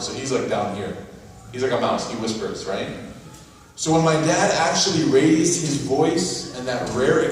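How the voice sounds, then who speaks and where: A man's voice: on the high side, recorded from a distance, slight background noise. Man preaching in an echoey hall. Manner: conversational, keeps asking "right?". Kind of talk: sermon-style lecture.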